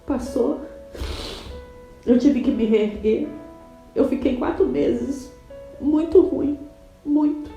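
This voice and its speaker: A woman from Brazil sharing an emotional, halting personal testimony in a church. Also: sits high, mellow, roomy sound, highs cut off, soft background music. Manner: emotional, halting, tearful at times. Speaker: church member giving testimony.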